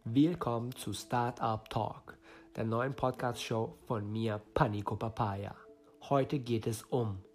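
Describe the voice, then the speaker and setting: A man's voice: medium pitch, takes it slowly, darkish tone, soft background music. Man hosting a solo startup podcast. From northern Germany. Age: 20s. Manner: direct, advice-giving, addresses listeners. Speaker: podcast host.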